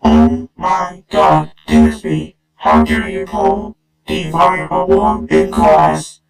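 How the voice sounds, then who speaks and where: Man acting a very gravelly, scolding cartoon parent. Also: high-pitched, takes it slowly, heavily acted. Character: strict, angry parent of a misbehaving schoolchild. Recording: roomy echo, guitar music behind. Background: plucked guitar music.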